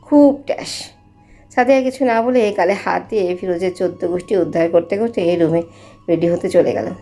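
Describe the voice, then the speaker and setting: Young woman narrator, mellow timbre, steady story reading. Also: lowish voice, fairly quick, faint music behind.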